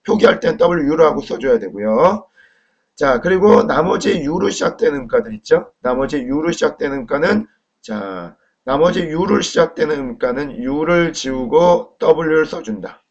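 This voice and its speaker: A man teaching Chinese pronunciation in a lecture, slow and deliberate, often asking questions to the viewer. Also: a little high, expressive. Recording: dull lo-fi recording.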